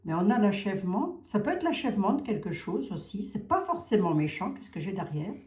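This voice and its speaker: A psychic card reader with a Lorraine French accent gives a casual tarot and oracle reading, chatting away, posing questions out loud and hedging with "hein". Her mid-range voice is sing-song, a little mellow and slightly quick, and the recording is reverberant.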